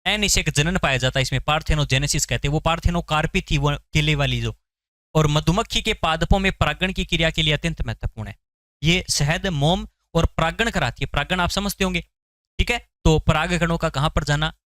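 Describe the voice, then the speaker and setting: Man, science teacher, exam-prep lecture, bright tense voice, dry close sound. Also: fairly high pitch, a little fast, no room sound. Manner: asks questions then answers them; repeats key terms for memorizing.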